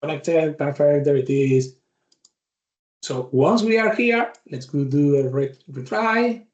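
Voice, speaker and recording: Slow and expressive, a man with an Argentine Spanish accent guides a live software demo as a bootcamp instructor, his voice a bit high for a man. He restarts words and thinks aloud while clicking, and the muffled recording carries a roomy echo.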